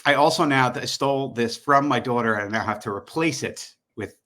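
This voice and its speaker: A man's voice: medium pitch, a little fast, sharp tone. A middle-aged man hosting a podcast, chatting in a jokey, rambling way. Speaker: podcast host. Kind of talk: casual podcast chat.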